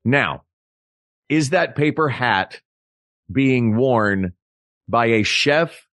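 Animated man hosting a comedy podcast. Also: drawn-out words, dry recording, clean studio sound. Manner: animated, playful, builds up jokes with big pitch swings. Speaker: podcast co-host. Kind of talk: comedic casual chat.

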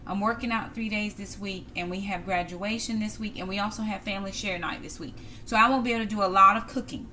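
A woman's voice: mid-range voice, quick pace, hardly any pauses, bright, forceful tone, a little hiss or hum. A middle-aged woman, chatting casually to viewers as she cooks in her home kitchen. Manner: chatty, talks to viewers as "y'all". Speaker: cooking vlogger. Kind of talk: casual cook-with-me narration. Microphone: camera on the counter. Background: clatter of dishes, pans and cutlery.

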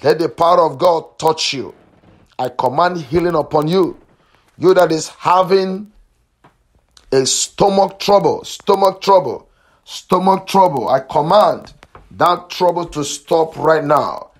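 Guy pastor praying hard, slow chanting and commanding, kinda high voice. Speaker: pastor leading a prayer line. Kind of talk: fervent prayer with speaking in tongues. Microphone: phone or call line.

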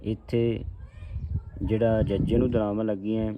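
A man with a Punjabi accent teaching scripture pronunciation, reciting each verse slowly and then explaining pauses and stress in quieter asides. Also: on the low side, flat delivery, phone-quality sound, background noise. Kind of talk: slow line-by-line recitation with pronunciation notes.

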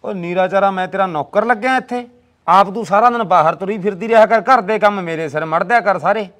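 A man's voice: sits high, a little fast, a bit bright. A man acting a grumpy husband who bickers with his wife in a comedy short film. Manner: grumbling, insulting.

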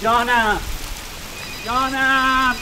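A man's voice: extremely high pitch, flat delivery. An actor playing a flustered, irritable man lost in a strange house, pleading on the phone. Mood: frantic. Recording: film audio with faint rain noise. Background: rain and thunder.

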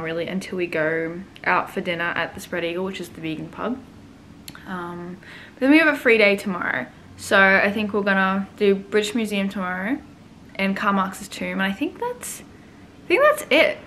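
A woman's voice: medium pitch, fairly bright tone. A woman in her twenties talking candidly to a close-held phone camera in a small room, rambling with fillers. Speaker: travel vlogger. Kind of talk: casual vlog chat. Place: small indoor room at accommodation.

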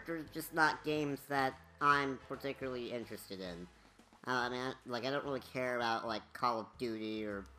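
A woman's voice: extremely low pitch, sharp tone. A woman giving casual, rambling commentary over a game walkthrough, chatty with many fillers.

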